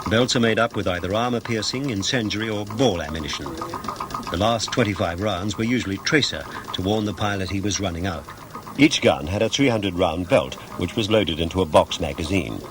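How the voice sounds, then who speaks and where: Formal, precise explanations come from a low-voiced man reading scripted documentary narration at a measured pace. Underneath, the noisy track carries a vehicle-like rumble.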